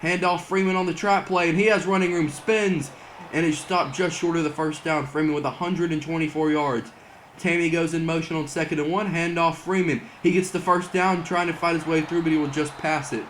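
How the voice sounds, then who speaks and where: A young gaming channel host does mock broadcast play-by-play over a football video game, his slightly high voice wearing thin as he loses it. His delivery is brisk with fairly even intonation, rising to near-shouts on big plays, over a faint hiss.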